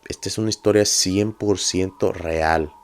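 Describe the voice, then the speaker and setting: A man narrating a paranormal story in a measured, earnest, confiding way. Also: deep voice, steady tone.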